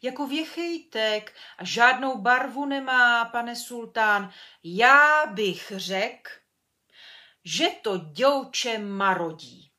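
A woman's voice: a little high, sharp tone, voice pushed up. Woman playing a folksy, bewildered woodcutter. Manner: folksy, plain-spoken, grumbling. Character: simple, good-natured male woodcutter, bewildered.

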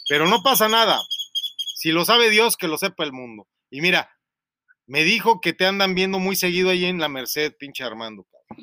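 High, bright-voiced Mexican man ranting. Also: lively intonation, normal speed, no room sound. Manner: rambling, profane, joking storyteller. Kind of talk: casual radio talk.

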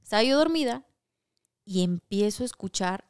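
Smooth-voiced Mexican woman telling a story. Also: medium pitch, moderate pace. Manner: animated, crude slang-heavy storytelling. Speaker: podcast co-host. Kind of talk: casual storytelling chat.

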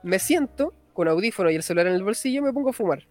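Young Chilean man, high voice, rapid slangy storyteller, faint music bed. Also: animated. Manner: fast slangy storytelling, frequent "cachai" tags. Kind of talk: casual storytelling chat.

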